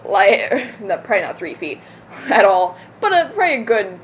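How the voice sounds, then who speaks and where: A woman's voice: medium pitch, very animated, moderate pace, slight background noise, rough recording. A young woman from the American South, an actor chatting in an interview, talking loosely, correcting herself and laughing easily. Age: young adult. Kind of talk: casual interview.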